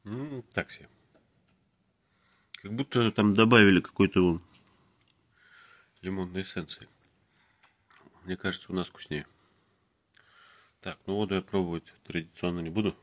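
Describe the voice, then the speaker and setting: A man filming himself tasting groceries in a room, talking calmly in short, clipped phrases into his phone camera. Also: low voice, normal speed, long pauses. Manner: calm, terse, speaks in short clipped phrases. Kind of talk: casual food-tasting vlog. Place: indoors, in a room in a city. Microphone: phone camera held by the speaker, who stays off screen.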